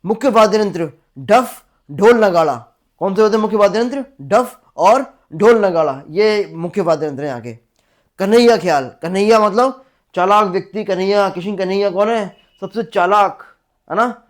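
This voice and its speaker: A male teacher with a Rajasthani accent gives an exam-prep lecture, asking "clear?" again and again and repeating facts to drill them. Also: sits high, normal speed. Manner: asks the class "clear?" again and again.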